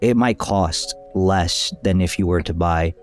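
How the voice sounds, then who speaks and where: A man's voice: deep voice, a little slow, soft background music. A man chatting easily on a podcast, chuckling between thoughts. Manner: easygoing, laughs often. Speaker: podcast co-host. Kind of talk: casual podcast chat.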